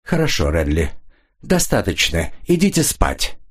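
A man voicing a sharp, quick-tempered woman who scolds and gives urgent orders. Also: sits low, huge pitch swings, husky, exaggerated voice. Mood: stern.

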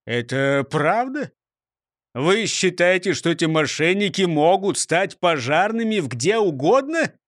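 A man's voice: high-pitched, sing-song, measured pace, dry recording, studio quality. A man doing a pompous storybook police chief. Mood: grudging. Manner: pompous, mocking.

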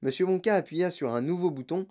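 An audiobook narrator reading a children's story in a steady, measured way. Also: mid-range voice.

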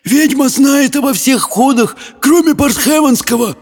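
A man's voice: unhurried, big-room sound. A man voicing a jittery, bossy little male fire demon who hisses his warnings. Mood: alarmed. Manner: shrill, hissing.

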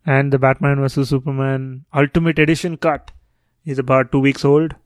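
A man's voice: medium pitch, level tone, moderate pace, no room sound. A man co-hosting a podcast, chatting casually with wry, sarcastic banter. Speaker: podcast co-host. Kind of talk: casual chat.

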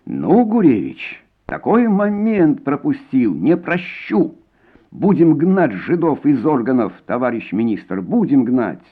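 A man's voice: mid-range voice, lively intonation, measured pace, few pauses. A man reading a story, voicing a harsh middle-aged woman police colonel who barks orders. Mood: indignant. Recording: tinny phone-like sound.

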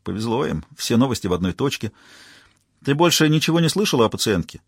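Man reading weary woman examiner, plain husky voice, dry. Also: mid-range voice, big pitch swings, fast talker, dry recording. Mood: wary. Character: weary female medical examiner, dry and wary.

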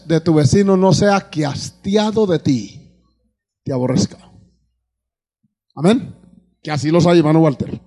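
A pastor with a Colombian accent preaches to a live congregation in church, his voice a little high and mellow. He calls out amens, asks the congregation questions, and often repeats words while searching for the next.

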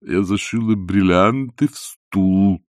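A man reading as a stubborn old woman on her deathbed, speaking slowly in a cold, wooden tone. The voice sits low and soft, drawn out word by word. Dry, close recording. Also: no room sound, exaggerated voice. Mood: cold, deliberate. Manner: slow, flat, wooden.

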